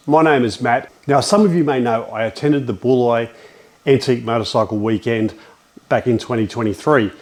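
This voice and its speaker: Man, vlog host, upbeat and friendly, mid pitch. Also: a little mellow. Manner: upbeat, quick affirming interjections. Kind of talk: casual vlog interview.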